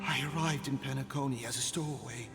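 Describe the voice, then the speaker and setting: A man's voice: mid-range voice, fast talker, close to an everyday voice. An actor playing a guilt-ridden, pleading father confessing his sins in a fervent, dramatic game performance. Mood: anguished confession. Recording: long hall reverb under loud music.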